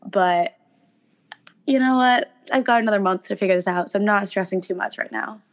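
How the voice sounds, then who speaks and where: A young woman co-hosting a casual chat, with a raspy voice from being sick and slangy talk full of "like". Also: mid-range voice, a little fast. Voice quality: smoker-like rasp. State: sick with a cough, voice roughened. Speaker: podcast co-host.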